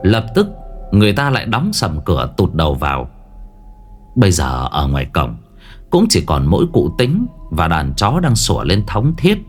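Brief: male storyteller, lively, swooping delivery, faint music bed. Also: low-pitched, moderate pace, breathy edge. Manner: animated, dramatic. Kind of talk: ghost story narration.

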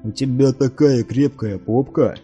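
A man's voice: a little slow, dark tone, lo-fi sound, faint music behind, close to an everyday voice. A man voicing a mocking giant warrior. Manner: mocking, booming delivery. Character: giant brutish male warrior, mocking and domineering.

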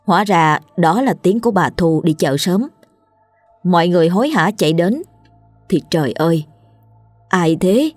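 A woman storyteller narrating a scripted ghost story in a steady, grave way. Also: lowish voice, normal speed, long pauses, no room sound, faint music behind.

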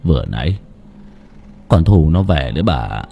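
A man's voice: a bass voice, very animated, unhurried, gravelly, slightly rough, lo-fi sound, faint music behind, voice pushed down, full character voice. A man voicing an old father overcome by grief and fear, stammering and wailing as he talks. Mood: subdued. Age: older.

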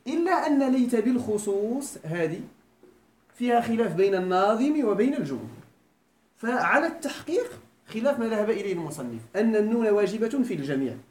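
Man, Moroccan accent, grammar teacher, quick and animated delivery, echoey room with faint noise, keeps questioning students. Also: high-pitched. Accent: Moroccan Arabic. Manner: keeps quizzing students and checking they follow. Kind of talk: classroom lecture. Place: lecture room at a Quran school.

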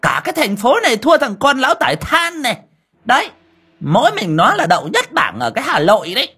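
A brash old market fishwife crows her praise in a piercing, shrill voice, as a male narrator puts her on. The pitch sits far above the reader's natural range, with a husky grain underneath. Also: big pitch swings, fairly quick, bright, forceful tone, full character voice. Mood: crowing. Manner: shrill, crowing. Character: fish-selling old woman, loud and boastful.

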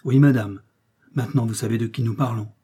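A man's voice: medium pitch, steady tone, brisk, warm tone, slightly rough, close to an everyday voice. A man voicing a jealous, furious young woman who hisses her threats in an audiobook. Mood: spiteful. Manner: hissing, spiteful, menacing. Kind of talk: audiobook character reading.

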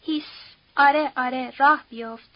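A woman's voice: high voice, steady tone, highs cut off, lightly acted. A woman reading an audiobook, voicing a large, domineering aristocratic man who gives curt, impatient orders. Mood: urgent, commanding.

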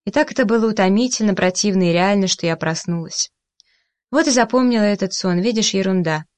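A blunt young woman telling a long story in a direct, matter-of-fact way, voiced by a woman reader. Her voice sits at a mid pitch in an audiobook. The sound is dry and close. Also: a little fast, no echo, natural voice. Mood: recounting.

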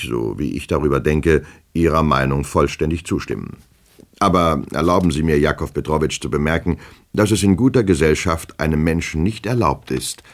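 A man's voice: extremely low pitch, heavily acted. A man voicing an old, formal and easily offended office clerk in an audiobook reading. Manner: formal, lecturing, indignant.

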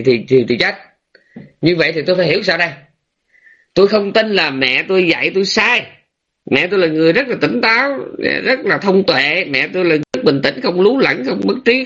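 A man, a Buddhist monk giving a dharma talk with drawn-out phrases, many hesitant fillers and rhetorical questions to his listeners. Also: on the high side, sharp tone, highs cut off. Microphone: online room.

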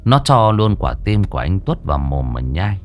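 A man's voice: low voice, big pitch swings, moderate pace, dull audio. A man narrating a horror story with dramatic expression.

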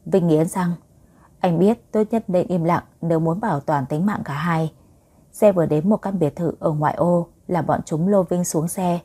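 A woman reading a romance audiobook in a low, husky voice with a warm, mellow tone. She voices every character herself and raises her volume for the thugs' threats. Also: moderate pace. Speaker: audiobook narrator.

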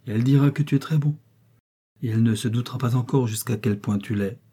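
Brief: man doing a devoted young princess for an audiobook, softly pleading. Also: mid-range voice, fast talker, breathy edge, lightly acted. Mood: earnest pleading. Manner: pleading, tender.

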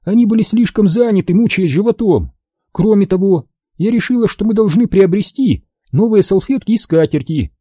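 A man voicing a lively, bossy young woman who runs a café, emphatic and exasperated, in an audiobook. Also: high-pitched, normal speed, no room sound, studio quality, voice pushed up. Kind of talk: audiobook character voice.

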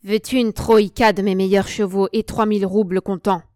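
A woman's voice: mid-range voice, normal speed, darkish tone, no echo, clean studio sound, natural voice. Woman putting on an obsessive, grasping landowner. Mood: insistent. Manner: insistent and pleading.

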